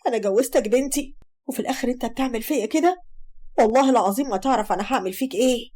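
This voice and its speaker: A woman's voice: on the high side, racing, dark tone, natural voice. A woman with an Egyptian accent voicing a harsh, scheming mother who scolds sharply. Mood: angry. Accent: Egyptian Arabic.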